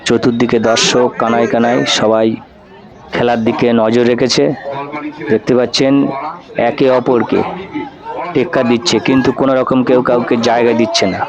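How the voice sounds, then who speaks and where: A man's voice: mid-range voice, little pitch movement, moderate pace, pauses often. A man giving live football commentary, repeating phrases for emphasis. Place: outdoors at a local football ground. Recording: outdoor field with crowd noise. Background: spectator crowd.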